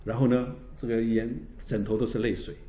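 A man, a pastor teaching a church class, telling stories in a lively way, tagging his phrases with "哈" and laughing often. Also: medium pitch, brisk. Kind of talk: teaching a Bible class, with anecdotes. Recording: roomy echo.

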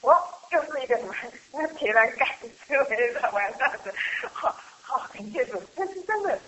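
A middle-aged woman sharing a personal church testimony in a chatty, halting way, with frequent laughs and restarts. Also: high voice, very animated, a bit bright, lo-fi sound. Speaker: church member giving a testimony. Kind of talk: casual spoken testimony.

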